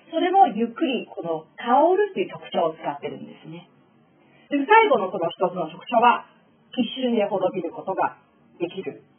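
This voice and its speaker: A woman teaching a spiritual school's lesson in a spoken lecture, explaining with acted-out examples. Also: a little high. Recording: tinny phone-like sound.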